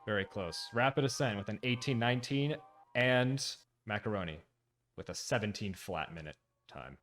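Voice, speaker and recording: A teenage guy hosts an online game tournament, chatting casually on stream with game music playing behind him. His voice is lowish and fairly bright, with lively intonation at a normal speed, and he's upbeat, uses fillers, and laughs easily.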